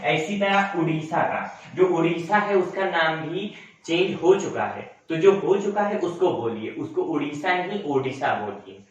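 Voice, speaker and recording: A man's voice: fairly high pitch, unhurried. Echoey, distant male teacher. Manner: repetitive, self-correcting, addresses viewers as friends. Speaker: exam coaching teacher. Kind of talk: classroom lecture. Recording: very echoey room, distant mic, dull sound.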